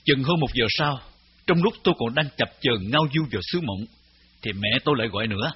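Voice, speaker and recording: A man reading his memoir aloud as narrator, in a grave, measured storytelling voice. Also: medium pitch, animated, slightly rough. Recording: slightly dull recording with faint music.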